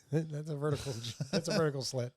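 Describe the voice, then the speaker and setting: A man with a fairly high voice co-hosts a casual podcast, delivering crude one-liners deadpan. The sound is dry and close, with no room echo. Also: moderate pace, slightly rough. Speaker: podcast co-host. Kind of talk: casual comedic banter.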